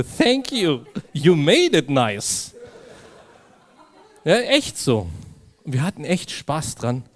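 A man preaching a sermon, telling a personal anecdote to his audience and acting out the dialogue in it. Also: medium pitch. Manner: animated storytelling, acts out dialogue; addresses audience directly.

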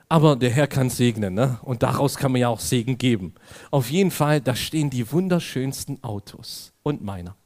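A man preaching a sermon, telling a personal anecdote to his audience and acting out the dialogue in it. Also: mid-range voice. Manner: animated storytelling, acts out dialogue; addresses audience directly.

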